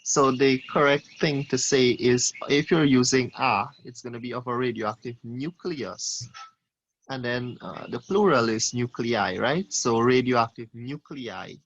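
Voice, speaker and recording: Teacher for an online class, man, mid-pitched, questioning tone, muffled lo-fi call audio. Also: unhurried, a bit bright, slight background noise. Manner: questioning, calls on students by name. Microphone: video call.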